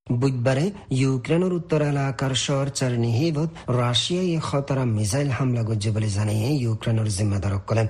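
A man presents scripted news in the manner of an AM and shortwave radio announcer. He has a Rohingya accent and a medium-pitched voice with a lightly husky grain. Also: darkish tone.

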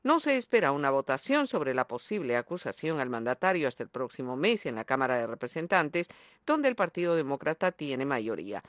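Woman in AM radio news style, animated. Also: very deep voice, brisk, dry recording, clean studio sound. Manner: formal announcer delivery. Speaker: news host, anchor.

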